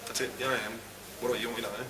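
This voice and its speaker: Aussie guy talking real fast, acts out the back and forth, echoey room, mic kinda far, noisy. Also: mid-range voice. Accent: Australian. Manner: animated, acts out dialogue. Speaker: interviewee. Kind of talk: personal storytelling. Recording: roomy, distant mic, noisy background.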